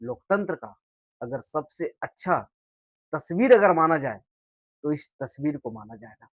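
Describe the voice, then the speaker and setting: A man giving impassioned political commentary, speaking rhetorically and swinging between loud emphatic bursts and low, quiet lines. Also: expressive, unhurried, no echo. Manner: rhetorical, swells and drops in loudness for emphasis.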